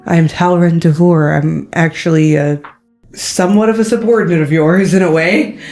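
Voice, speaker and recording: A woman's voice: lowish voice, steady tone, moderate pace, darkish tone, soft background music, natural voice. A woman voicing a polite, nervous male soldier captain who rambles and gets flustered. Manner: rambling, flustered, eager to please.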